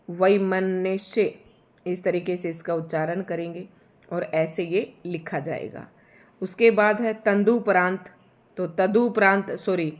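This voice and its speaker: A woman teaching Hindi spelling online for exam candidates, pronouncing words slowly syllable by syllable and correcting her own slips. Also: lowish voice. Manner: slow, careful syllable-by-syllable pronunciation, self-correcting.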